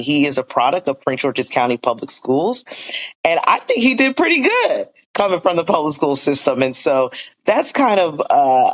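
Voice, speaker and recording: A man's voice: medium pitch, rough recording. Man, 40s. Earnest interview guest. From Virginia. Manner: upbeat, earnest, many "you know" fillers. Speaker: school board member, guest. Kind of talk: casual interview conversation.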